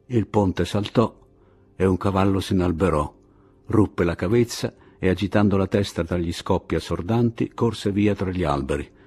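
A man narrates a novel in a deep, gravelly voice with a husky edge. His delivery is measured and dramatic, in the manner of a literary audiobook. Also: darkish tone.

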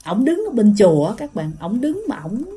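A woman's voice: medium pitch, sing-song, fairly quick, warm tone. A woman with a Southern Vietnamese accent telling a ghost story in a chatty, casual way, often speaking to her listeners directly.

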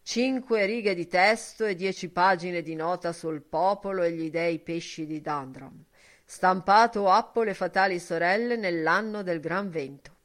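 A woman reader puts on a boisterous young prankster from a classic novel, loud and theatrical, pitching up high and swinging between bluster and mock solemnity. The voice stays teasing, with a lively, showy delivery. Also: measured pace, lightly acted. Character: brash mocking young man, boisterous prankster. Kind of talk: audiobook character reading.

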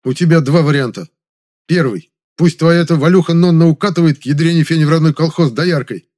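A male audiobook reader voicing a stern, blunt young man who scolds loudly and shouts. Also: fairly high pitch, pitched above the performer's own voice. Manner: loud, scolding, shouting outbursts. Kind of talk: audiobook reading.

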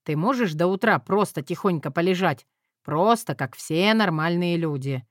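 A woman voicing a hoarse, gruff young man who grumbles wearily in an audiobook. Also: fairly low pitch, expressive, normal speed, dry recording, studio quality, natural voice. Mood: grumbling. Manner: grumbling, weary.

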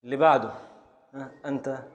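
A man's voice: medium pitch, fairly even intonation, brisk, lo-fi sound. A man with an Egyptian Arabic accent teaching a classroom lesson, quizzing students and scanning verse syllable by syllable. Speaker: Islamic scholar teaching Arabic grammar and prosody.

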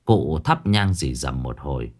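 A man, narrating a ghost story in a dramatic, expressive manner. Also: extremely low pitch, measured pace.

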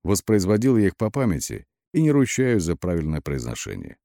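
Brief: male narrator, low and dark, lively swings in the reading, dry close sound. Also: fairly quick, creaky, no echo. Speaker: audiobook narrator. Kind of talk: dramatic audiobook reading.

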